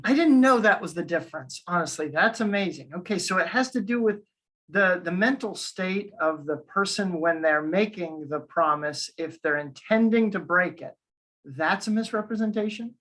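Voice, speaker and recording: Husky guy, dry, agreeable podcast co-host. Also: sits high, animated, moderate pace, a bit bright, rough recording. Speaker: podcast co-host, law teacher. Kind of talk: casual chat.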